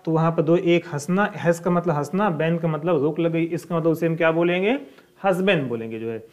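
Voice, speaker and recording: High-voiced teacher asking questions. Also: male voice. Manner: repetitive, asks rhetorical questions and answers them. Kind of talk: classroom lesson explaining English words.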